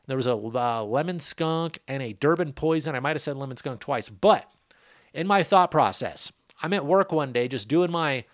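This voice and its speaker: A man's voice: medium pitch, lively intonation, moderate pace, no echo. Laid-back middle-aged man hosting a podcast, chatty and rambling, on a dry close mic. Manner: rambling, loose, joking asides. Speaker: podcast host, cannabis grower. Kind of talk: casual rambling chat.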